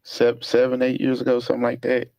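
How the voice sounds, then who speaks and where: A middle-aged man hosting a podcast, telling stories casually with plenty of swearing and slow, drawn-out pauses while he thinks. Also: medium pitch, monotone, gravelly, mellow, no echo, lo-fi sound. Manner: laid-back storytelling, profane, drawls when thinking. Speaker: podcast host.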